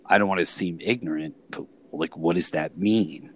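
A man's voice: deep voice, fairly even intonation, normal speed, breathy edge. A man in casual chat, rambling and swearing, often trailing off mid-sentence.

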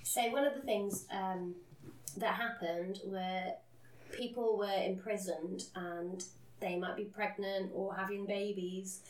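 A woman's voice: mid-range voice, steady tone, slow pace, a little hiss or hum. Woman telling a story in a roomy room. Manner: earnest, self-deprecating, laughs at herself. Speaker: podcast co-host. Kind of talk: casual conversational storytelling. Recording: roomy, a bit distant from the mic.

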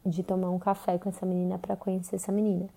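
Young Brazilian woman telling her own story to podcast listeners; conversational and full of fillers, with a very dark, mellow tone. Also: lowish voice, little pitch movement, quick pace, vocal fry. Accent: Brazilian Portuguese. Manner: conversational retelling with many fillers.

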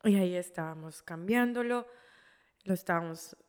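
A woman with a Mexican accent telling an emotional personal story, halting, with many restarts and repeated words. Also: lowish voice, a little mellow, clear, resonant tone, in a large hall.

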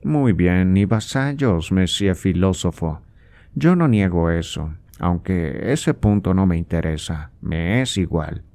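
A man puts on a sarcastic old aristocrat in an audiobook, a father who scolds and needles his grown son. The voice sits very low, slow and dark, mocking and impatient. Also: lively intonation, heavily acted. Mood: scornful. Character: scornful old male nobleman, impatient father. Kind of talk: audiobook character voice.

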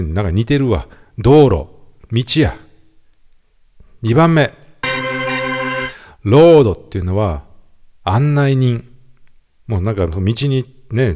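Lively Kansai man teaching. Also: lowish voice. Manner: lively, quiz-style explaining. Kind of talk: explaining lesson on gospel English.

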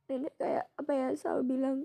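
A young woman from East Java telling a personal story in a soft, reflective way, pausing often with fillers. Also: sits high, level tone. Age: young adult.

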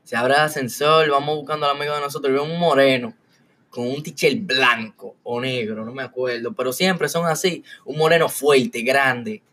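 A man co-hosting a podcast, telling a story in casual chat, animated, laughing often and acting out the voices of the people in it. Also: medium pitch, moderate pace. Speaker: podcast co-host.

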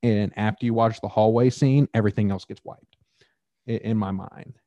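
A man's voice: lowish voice, fairly even intonation, normal speed, warm tone, no echo, lo-fi sound. A man co-hosting a podcast in casual chat, joking and double-checking facts. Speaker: podcast co-host.

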